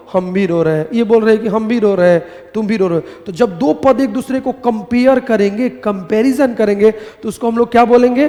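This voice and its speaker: A man with a high voice teaches grammar in a live class held in a large hall. He tells little stories animatedly and asks questions that he answers himself.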